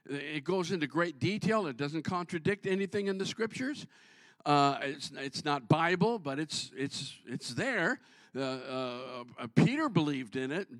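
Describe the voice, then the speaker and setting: A man preaching a sermon to his congregation, joking with them and building up to shouts. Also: high-pitched, dry recording, studio quality. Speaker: pastor.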